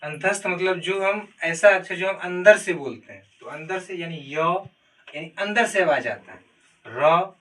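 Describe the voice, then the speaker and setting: A man's voice: high-pitched, expressive, normal speed, a bit bright. A man teaching a grammar lesson, explaining step by step and calling out letters one at a time. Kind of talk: classroom-style Hindi grammar lesson. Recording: distant mic with faint noise.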